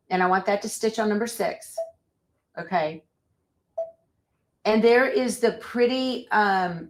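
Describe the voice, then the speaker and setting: A woman teaching machine embroidery on a live stream, thinking aloud as she sets up her machine and chatting with viewers. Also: mid-range voice. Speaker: embroidery instructor. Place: sewing room.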